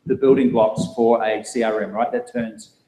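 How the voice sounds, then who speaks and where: A man's voice: fairly low pitch, little pitch movement, normal speed. A man hosting a live event with an audience, jokey and rambling with frequent restarts. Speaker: host. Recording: echoey room, faint noise.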